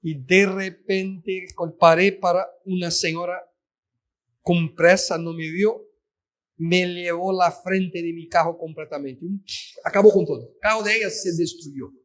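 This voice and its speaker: Male preacher, high voice, emphatic sermon delivery. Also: fairly even intonation, unhurried. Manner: emphatic, addresses listeners as "queridos". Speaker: pastor.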